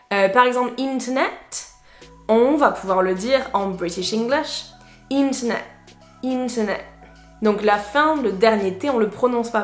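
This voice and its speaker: A woman explaining English pronunciation in a relaxed, chatty teaching style, with frequent fillers. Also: medium pitch, reverberant. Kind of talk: casual teaching talk.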